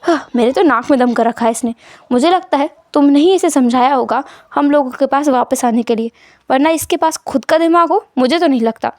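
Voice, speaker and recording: A woman's voice: sits high, brisk, darkish tone, dry recording, clean studio sound, natural voice. A woman voicing a middle-aged mother who scolds and teases her son. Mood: fond. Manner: teasing, scolding.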